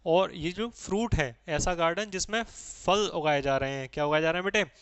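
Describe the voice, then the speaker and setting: A man teaching an exam-prep English lesson, asking his students questions over and over and reading the English phrases out slowly. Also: on the high side, fairly bright tone, clean tone, dry recording.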